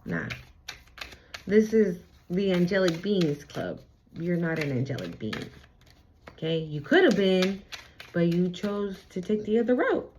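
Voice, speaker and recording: A woman voicing a calm, firm spirit turning someone away, flat and dismissive. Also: lowish voice, a little slow, pauses often, slight background noise. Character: firm, calm spirit guarding an angelic club. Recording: slightly muffled lo-fi recording.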